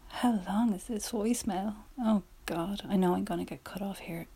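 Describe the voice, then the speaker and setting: A young woman leaving an intimate voicemail in a hushed, breathy whisper with soft laughs, close to a phone mic. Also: medium pitch, moderate pace.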